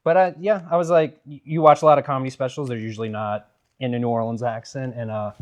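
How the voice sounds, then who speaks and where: A man's voice: medium pitch, steady tone, quick pace. A man, a film director, talking casually and rambling, swearing freely. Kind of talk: casual chat.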